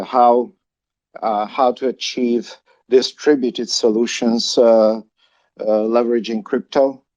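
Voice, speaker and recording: A man's voice: mid-range voice, mellow, lo-fi sound. A man from Hungary who founded a project, talking casually on a livestream with lots of fillers and restarts. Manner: halting, many fillers and restarts.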